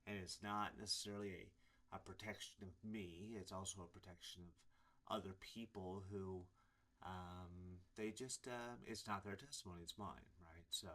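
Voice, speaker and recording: A man's voice: sits low, steady tone, moderate pace, sharp tone. A man in his forties from Illinois, a preacher telling his life story in a casual, rambling way with many fillers. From Illinois, USA. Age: 40s. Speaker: preacher giving his testimony. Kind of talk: casual personal testimony to camera.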